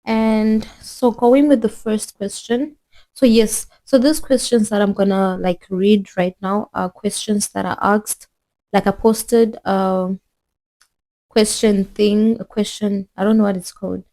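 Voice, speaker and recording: A young woman from Zimbabwe chats to her phone camera in a loose, rambling vlog style. Her voice is mellow and warm, and she keeps circling back with fillers and restarts. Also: medium pitch, steady tone, a little slow. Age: young adult. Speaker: vlogger. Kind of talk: casual chat.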